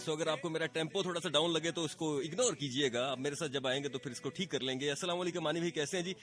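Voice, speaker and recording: A man's voice: a little high, fast. A man with a Pakistani accent hosting late-night radio, playfully reading listener messages, his throat slightly sore. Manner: chatty, playful, teasing. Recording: radio broadcast with faint music bed.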